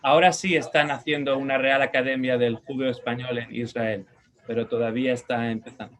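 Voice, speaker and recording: This teacher from Spain has a medium-pitched, steady, slightly bright voice. During his language lesson he patiently says words slowly and repeatedly for pronunciation, pausing for short questions to check understanding.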